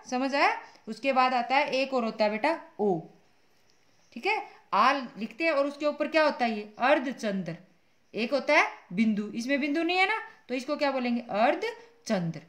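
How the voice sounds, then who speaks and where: A woman teaching a Hindi grammar class online, who asks her students questions and answers them herself, calling them "beta" and repeating each point patiently. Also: on the high side. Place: school classroom.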